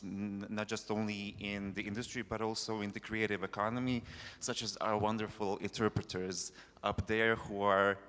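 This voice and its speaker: A man's voice: fairly low pitch, fairly bright tone. Young man in an echoing hall. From Croatia. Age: young adult. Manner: friendly, hesitant, many fillers. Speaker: audience member asking a question. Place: conference hall. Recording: long echoey hall reverb.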